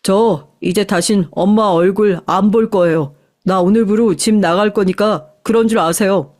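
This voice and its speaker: A woman's voice: mid-range voice, moderate pace, darkish tone, close to an everyday voice. A woman voicing an earnest young boyfriend who talks urgently. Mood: angry. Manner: pleading then firm. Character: apologetic young man, the boyfriend.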